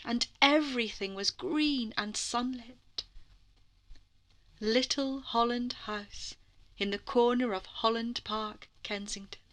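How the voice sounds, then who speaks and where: Reading a bedtime story for children, this female storyteller is expressive, letting dramatic lines linger and easing into gentle, quiet stretches. Her pitch runs fairly high.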